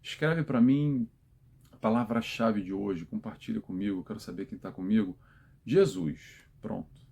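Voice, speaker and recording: A man's voice: fairly low pitch, unhurried, creaky, a little mellow, breathy edge. A man hosting an informal spiritual talk, giving advice straight to viewers in a conversational way.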